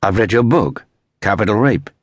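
A man's voice: lowish voice, normal speed, slightly rough, dry recording, clean studio sound, pitched above the performer's own voice. A man voicing a lean, strong fisherman who speaks earnestly and politely in an audiobook. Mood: friendly. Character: lean strong fisherman, reserved but caring.

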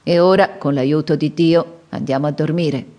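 Booming, bitter old father in an audiobook, read by a woman, pitched up and loud. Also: steady tone, moderate pace, close to an everyday voice. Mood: gruff, scolding. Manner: booming, scolding, sighing. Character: gruff aging widower father, loud, bitter, mocking.

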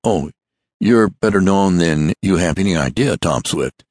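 A man reading a story aloud, voicing a short, stout, fussy businessman who talks in a rapid, boastful rush. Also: low-pitched, animated, darkish tone, no echo, clean studio sound. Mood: rapid pitch. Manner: rapid, breathless, boastful chatter.

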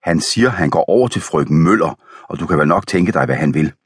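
A man voicing an excitable, theatrical middle-aged craftsman's wife in an audiobook. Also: extremely low pitch, slightly rough, no room sound, clean studio sound, full character voice. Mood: excited.

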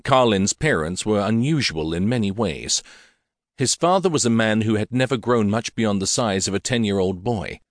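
A man narrating a fantasy audiobook in a measured, even storytelling manner. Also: fairly low pitch, no echo, studio quality.

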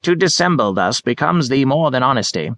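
A man's voice: medium pitch, sing-song, fairly quick, a bit bright, no room sound, clean studio sound, pitched above the performer's own voice. A man voicing an odd, stooped old man who speaks in florid, mock-Shakespearean phrases. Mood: courtly.

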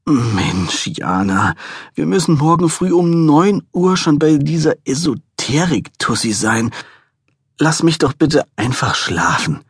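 A man's voice: on the high side, very animated, takes it slowly, husky, dry recording, clean studio sound, pitched above the performer's own voice, heavily acted. A man playing a sleepy, flustered expectant father woken in the night, exasperated.

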